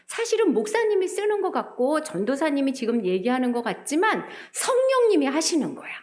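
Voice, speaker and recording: High, lively woman preaching to children. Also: a little fast. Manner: sing-song, exaggerated, asks children questions and acts out voices. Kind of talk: animated children's sermon.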